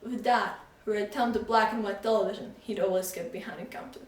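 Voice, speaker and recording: A woman reading a children's storybook aloud with an expressive, animated delivery. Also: mid-range voice, a little fast. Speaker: reader. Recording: echoey room, voice from far off.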